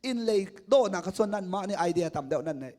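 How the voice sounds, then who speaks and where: A man, a pastor, preaching a sermon at a crusade and swinging between loud and hushed delivery. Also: high-pitched, expressive, very fast.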